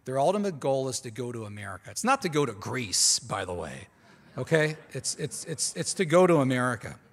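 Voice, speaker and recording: A man's voice: mid-range voice, very animated, fairly quick, slightly rough. Emphatic man lecturing in a reverberant hall. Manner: emphatic, often repeats words when restarting; talks directly to the audience with asides. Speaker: conference speaker. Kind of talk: conference lecture. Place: large conference hall.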